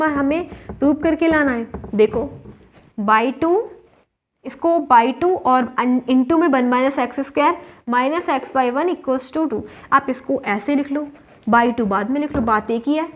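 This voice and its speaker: High-voiced woman teaching maths. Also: slight background noise. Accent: Indian. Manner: explains step by step, asks and answers her own questions. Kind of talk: whiteboard maths lesson. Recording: dull lo-fi recording.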